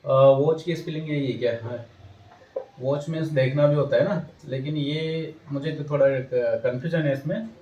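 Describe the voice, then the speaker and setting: A man's voice: on the high side, moderate pace, mellow, highs cut off. A man teaching a language lesson in a classroom style, repeating himself and asking questions he then answers. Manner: repetitive, checks in with "ठीक है ना" often. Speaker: English teacher. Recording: roomy echo, mic set at a distance.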